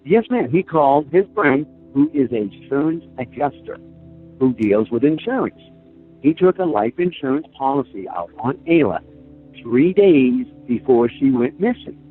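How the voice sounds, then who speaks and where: A man's voice: mid-range voice, very animated, normal speed. An older man telling his story in a rambling, emphatic way, full of fillers, during a casual phone interview. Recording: tinny phone line, faint music.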